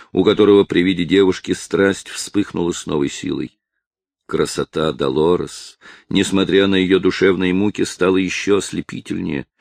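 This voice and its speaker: Deep creaky guy reading a historical novel, dry studio sound, steady dramatic reading. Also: no room sound. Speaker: audiobook narrator. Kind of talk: scripted narration.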